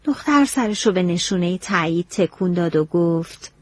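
A woman narrating a novel in a storytelling, expressive way. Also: fairly low pitch, dry recording.

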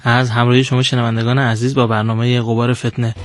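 A man's voice: mid-range voice, little pitch movement, no echo. Formal male radio host. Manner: formal, courteous announcing. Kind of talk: radio program hosting.

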